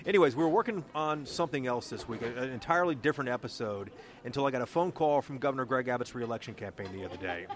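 A man's voice: medium pitch, animated, fast talker. A man with an American accent, a podcast host and political reporter who speaks conversationally as he narrates and interviews.

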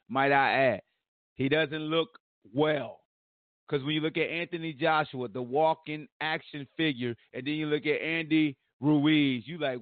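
Hoarse American man hosting a sports podcast. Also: medium pitch, dry recording, phone-quality sound. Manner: animated, blunt, slangy, swearing. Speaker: podcast host. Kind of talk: casual sports commentary.

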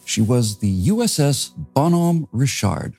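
A man narrating a naval history story in a scripted, dramatic storytelling manner with wide pitch swings. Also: very animated, slow pace, gravelly, darkish tone, slightly rough, faint music behind.

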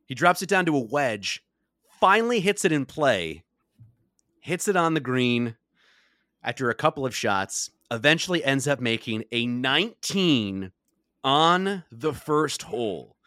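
A man's voice: medium pitch, very animated, a little slow, sharp tone, no room sound, clean studio sound. A young adult man co-hosting a podcast, telling a story in a casual chat with lots of laughs. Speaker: podcast co-host.

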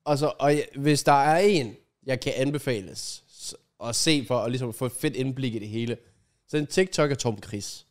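A young adult man with a Danish accent, chatting casually and anecdotally with slang and some swearing. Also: mid-range voice. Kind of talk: casual chat.

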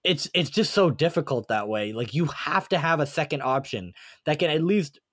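Rambling sports podcast host, dry sound. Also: male voice, on the high side, expressive, normal speed, fairly bright tone, dry recording. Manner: rambling, thinks aloud with restarts. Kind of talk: casual sports chat.

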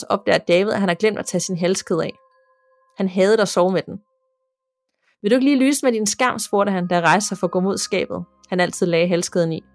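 A woman reading a listener's ghost story aloud as a podcast narrator, in a steady, measured way. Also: on the low side.

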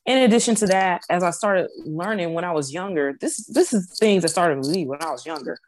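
A woman's voice: fairly low pitch, animated, a little fast. A woman in casual conversation, explaining her views earnestly and often stopping to restart a phrase.

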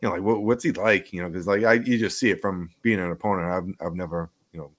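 Podcast cohost guy, lowish voice, laid back, kinda halting. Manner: easygoing, halting, lots of fillers. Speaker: podcast co-host. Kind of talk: casual chat.

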